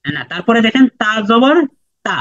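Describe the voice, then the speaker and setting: A man's voice: high voice, animated, brisk, fairly bright tone. A man teaching Quran letter pronunciation in a lesson, patiently repeating each sound for students to echo. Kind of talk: online class lesson. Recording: dry, dull lo-fi sound.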